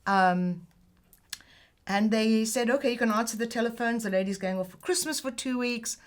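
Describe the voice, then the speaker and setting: A woman's voice: on the high side, moderate pace. An older woman with a South African accent, a guest chatting easily and telling stories in an interview. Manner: chatty storyteller who laughs easily. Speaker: guest, film editor and producer. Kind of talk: casual interview chat.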